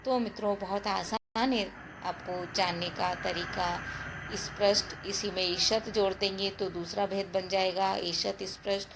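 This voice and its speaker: A woman teacher giving a slow, deliberate grammar lesson and addressing her viewers as friends. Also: mid-range voice, fairly even intonation, gravelly, background noise. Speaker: Hindi teacher.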